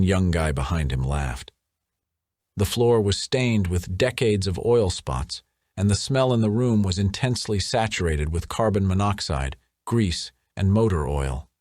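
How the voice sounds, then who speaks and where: A man reading a thriller audiobook in a measured, even scripted narration. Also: deep voice, no room sound, clean studio sound.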